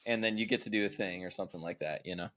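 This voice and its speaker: A man's voice: sits low, rapid-fire, fairly bright tone. A man co-hosting a casual card game podcast, joking and playful. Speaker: podcast co-host. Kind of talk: casual chat.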